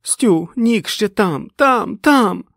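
A frantic young woman, as a male narrator puts her on, shrieks her pleas in a high, strained voice. It is an audiobook reading with a dry, close sound. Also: animated, drawn-out words, gravelly, a bit bright, no echo, exaggerated voice.

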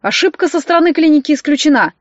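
A woman's voice: sits high, lively intonation, quick pace, no echo, dull audio, pitched above the performer's own voice. A woman reading an audiobook voices a pompous, defensive male clinic doctor with a smug manner. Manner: smug, then shrieking in panic.

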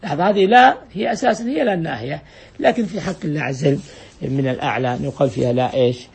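A man's voice: fairly high pitch, very fast, vocal fry, a little mellow, breathy edge. A man teaching a grammar lesson, explaining step by step, repeating examples and putting questions to his students.

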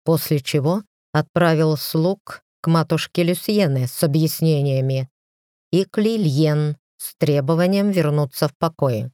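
A woman narrating an audiobook in a low, dark, mellow voice. Her reading is even and measured. The sound is dry and close to the mic. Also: dry recording. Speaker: audiobook reader. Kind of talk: scripted narration.

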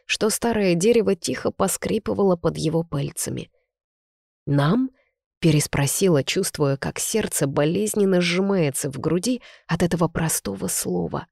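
An audiobook reader narrating a first-person novel in an even, unhurried manner. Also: mid-range voice, gravelly, no echo, studio quality.

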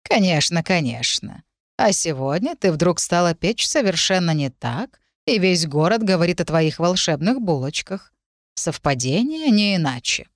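A woman voicing an elderly female herbalist, shrewd and knowing, with a low, slightly husky voice and a calm, slow, probing manner. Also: no echo, studio quality.

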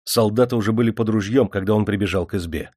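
A man narrating an audiobook in a steady, even storytelling manner. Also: lowish voice, quick pace, husky, no room sound, clean studio sound. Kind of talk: scripted narration.

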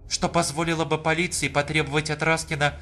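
A man's voice: fairly high pitch, level tone, fast, pushed and bright, pitched above the performer's own voice. A male audiobook reader voicing an anxious, insistent adult woman in a pleading manner. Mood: urgent. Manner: pleading, insistent, rising in alarm. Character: distressed determined adult woman. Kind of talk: audiobook reading.

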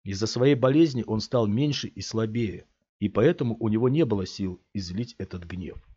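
Husky low-voiced male audiobook narrator. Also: moderate pace, mellow. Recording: dull lo-fi recording.

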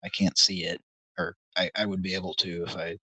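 A man's voice: low voice, flat delivery, fairly quick, sharp tone, husky, dry recording, low-quality recording. A middle-aged man hosting a live stream, rambling in casual chat with many hesitations and wry, self-deprecating asides. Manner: meandering and hesitant, full of ums and restarts. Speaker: host of a live call-in stream.

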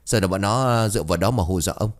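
A man voicing a scheming, sharp-tongued elder wife who lectures her husband in a spoken ghost story. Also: lowish voice, rapid-fire, lightly acted. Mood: scornful. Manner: scornful, lecturing.

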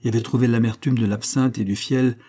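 A man narrating a classic novel as an audiobook, in measured, even storytelling. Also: medium pitch.

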